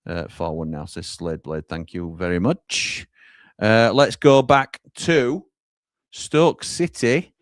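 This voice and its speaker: A man hosts a live football watchalong in a low voice. He reads out viewer comments and hands over to reporters at the grounds. The sound is close and dry. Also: steady tone, takes it slowly, no echo. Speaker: watchalong host.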